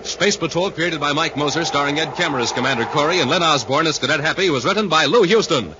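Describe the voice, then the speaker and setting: A man with an American accent delivers scripted 1950s radio announcing and narration in an emphatic, enthusiastic showman style. His voice is on the high side and quick, heard through a muffled, faintly noisy recording of the era.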